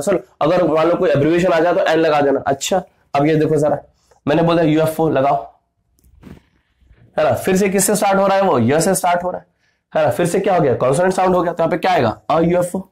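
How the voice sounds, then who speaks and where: Lively male teacher quizzing his class. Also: a little high. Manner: lively, asks and answers his own questions; addresses students as "sarkar". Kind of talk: exam-prep grammar lesson.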